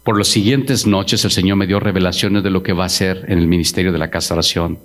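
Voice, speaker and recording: Deep-voiced pastor giving a slow testimony. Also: male voice, steady tone. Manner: slow, solemn, quoting Jesus with emotion. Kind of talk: testimony sermon. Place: church.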